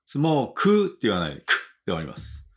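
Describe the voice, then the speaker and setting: A man teaching English pronunciation, saying model words slowly and with exaggeration between brisk explanations, then asking the listener to repeat after him. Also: a bass voice, animated, gravelly, bright, forceful tone.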